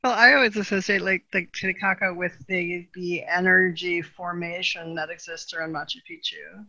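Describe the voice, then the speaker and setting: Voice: medium pitch, fairly even intonation, normal speed, sharp tone, dry recording, dull audio. A podcast co-host in a casual, rambling chat, with many "you know" fillers and frequent laughter.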